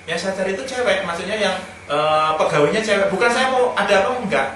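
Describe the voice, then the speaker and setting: A man's voice: high voice, lively intonation, fast, a bit bright. A man giving casual, humorous self-improvement advice, telling anecdotes and chuckling between points. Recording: very echoey room, speaker far from mic, faint noise.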